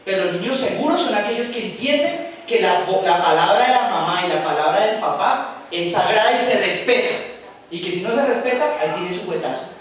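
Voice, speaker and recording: A man's voice: sits high, animated, fairly quick, a bit bright, a little hiss or hum. A man preaching a sermon, speaking conversationally and putting questions to the congregation. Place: church. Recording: echoey church from far off.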